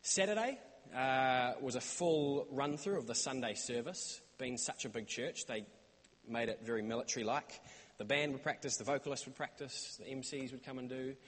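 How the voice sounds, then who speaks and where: A young man with a New Zealand accent gives an earnest church talk about his mission stay, often pausing with "um" and "uh". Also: medium pitch, breathy edge. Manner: earnest, many "um" and "uh" fillers. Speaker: church intern giving a report. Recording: reverberant hall sound.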